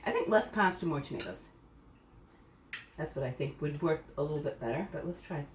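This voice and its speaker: Low voiced middle aged woman rambling thru a kitchen cooking demo, sounds kinda far from the mic, echoey room. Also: expressive, a little fast, a little hiss or hum. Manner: chatty, rambling, self-correcting, tasting food as she talks. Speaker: home cooking channel host. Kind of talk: casual cooking demo chat. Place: home kitchen.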